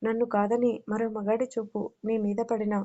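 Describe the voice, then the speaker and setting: Storybook figure: a woman playing a bossy, threatening young lover, monotone, dark, muffled. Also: on the high side, normal speed, close to an everyday voice. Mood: possessive. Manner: commanding, threatening. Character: possessive domineering young man in love.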